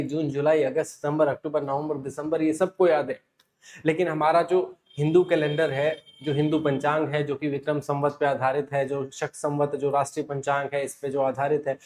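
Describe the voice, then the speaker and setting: A Rajasthani man teaches a competitive-exam class in that carries a tinge. His voice sits slightly high, and he keeps posing questions and answering them himself. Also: darkish tone. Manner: explanatory, asks and answers himself, frequent "है ना". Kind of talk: classroom lecture.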